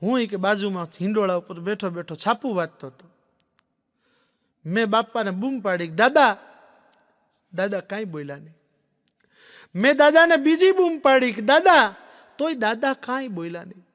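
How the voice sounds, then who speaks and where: High-voiced comedian telling jokes. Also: male voice, expressive, normal speed, fairly bright tone. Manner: folksy storyteller, acts out dialogue. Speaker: stand-up comedian. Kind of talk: stand-up joke telling. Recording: long hall reverb. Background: audience laughing.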